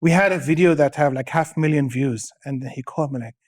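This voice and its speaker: A man's voice: a little high, fast talker, a little mellow. A man in his thirties from Syria, a comedian chatting as a guest and telling stories about himself with many false starts. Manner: chatty, self-deprecating storyteller with false starts. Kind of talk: casual chat.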